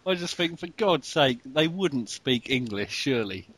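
A man hosting a casual podcast about video games, chatty and quick to laugh. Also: medium pitch, expressive, a bit bright, breathy edge. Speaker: podcast host.

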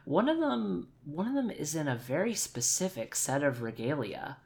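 Playing in an actual play tabletop roleplaying game, a woman improvises narration in a low, gravelly, darkish voice. She's very animated and talks at normal speed, thinking aloud and often repeating phrases while she searches for the right words.

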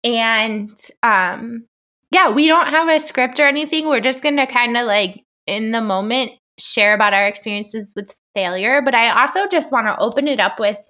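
Bright-voiced chatty woman podcaster. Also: normal speed. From Illinois. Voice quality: high-pitched girlish voice. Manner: chatty, laughs often, many fillers. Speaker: podcast co-host. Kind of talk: casual podcast chat.

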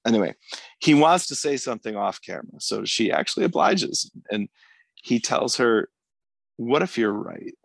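A man's voice: mid-range voice, sing-song, normal speed, vocal fry, no room sound. A man co-hosting a podcast, recapping the plot of a TV episode in long, casual runs and laughing easily. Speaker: podcast co-host.

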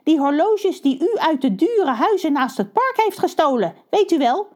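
Two chirpy young crows, eager and cheeky, as a woman puts them on while reading a storybook. Their voices leap far above the narration, high and bright. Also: big pitch swings, moderate pace.

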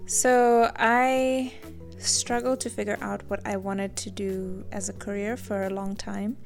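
A woman's voice: mid-range voice, flat delivery, measured pace, gravelly, soft background music. A young woman from Zambia, a guest artist, telling her story in a friendly, chatty way in a casual podcast interview.

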